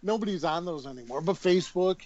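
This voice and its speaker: A man, a writer and producer guest, chatting excitedly on a podcast, stumbling and repeating words. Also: sits high, fast talker, lo-fi sound. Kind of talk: casual podcast chat.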